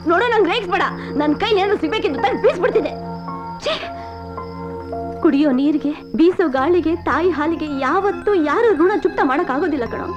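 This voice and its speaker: An actress playing a bossy but caring neighbor woman who scolds and lectures in quick film dialogue. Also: extremely high pitch, lively intonation. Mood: scolding. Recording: muffled movie audio with music.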